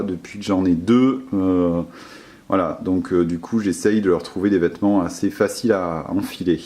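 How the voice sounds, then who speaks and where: Male vlogger, lowish voice, hesitant narration of decorations. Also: warm tone. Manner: hesitant, many fillers and restarts. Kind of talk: casual voice-over tour of decorations.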